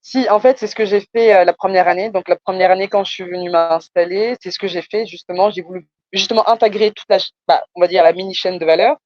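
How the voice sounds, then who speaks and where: A woman from France with a Parisian accent rattles through her business explanation fast, with few pauses, in a medium-pitched, steady, darkish voice, while still hesitating and repeating words for emphasis. She is being coached, and the audio is muffled with no echo.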